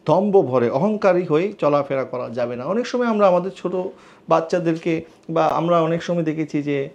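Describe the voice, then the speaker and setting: Male preacher, earnest, admonishing sermon delivery, slightly raised pitch, dull lo-fi recording. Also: moderate pace, darkish tone. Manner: earnest, admonishing, with rhetorical questions. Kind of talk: Islamic sermon.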